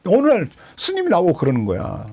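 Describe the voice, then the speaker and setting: Man, pastor, sermon, high voice, husky, rhetorical questions. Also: wildly swooping pitch, fast talker, darkish tone. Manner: asks and answers his own rhetorical questions. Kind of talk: Bible teaching sermon.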